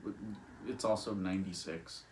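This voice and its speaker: A man's voice: low voice, steady tone, moderate pace, darkish tone. A young man co-hosting a casual true-crime podcast, laid-back and joking. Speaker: podcast co-host. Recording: echoey room, faint noise.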